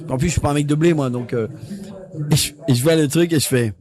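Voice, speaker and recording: On stage at a live event, a man with a fairly high voice tells a long, lively anecdote quickly while music plays in the background. He acts out other people's lines and frequently repeats his words.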